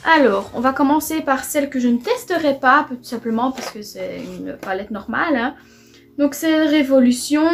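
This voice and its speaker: High-voiced chatty young woman vlogger. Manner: chatty, enthusiastic, repeats "franchement" often. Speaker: beauty vlogger. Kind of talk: casual makeup try-on vlog. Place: home room near a window.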